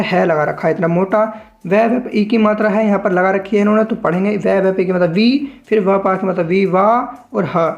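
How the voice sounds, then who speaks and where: Addressing learners as friends, this shorthand instructor pronounces each syllable slowly in a careful, step-by-step lesson. The voice has a mid-range pitch and a darkish tone.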